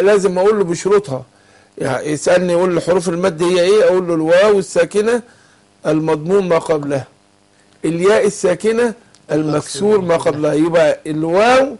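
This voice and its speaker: A man's voice: high-pitched, darkish tone. A man with an Egyptian Arabic accent teaching tajweed on a call-in lesson, patiently asking his student to fill in the words. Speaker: Quran recitation teacher.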